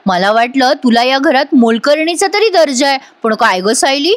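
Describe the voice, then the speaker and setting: A woman voicing a scheming young woman who taunts and fake-whines in a high, sneering, sing-song voice. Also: animated, moderate pace, no echo. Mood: taunting.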